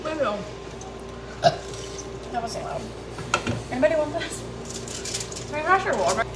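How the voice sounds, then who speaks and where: A woman's voice: high-pitched, expressive, a little slow. Giggly young woman, noisy stream. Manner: giggly, playful banter with burping. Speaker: livestream co-host. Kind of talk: casual livestream chat.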